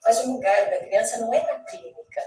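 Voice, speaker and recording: A woman's voice: a little high, animated, brisk, warm tone, distant mic. A woman with a Brazilian accent giving a prepared presentation as a physiotherapist. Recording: echoey, off-mic, music behind. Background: music.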